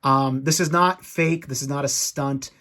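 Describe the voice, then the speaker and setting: A man in an annoyed, rambling rant to camera, speaking off the cuff, halting and repeating himself as he vents. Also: mid-range voice, fairly even intonation, sharp tone. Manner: annoyed, ticked-off venting. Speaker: YouTube toy collector and podcast co-host.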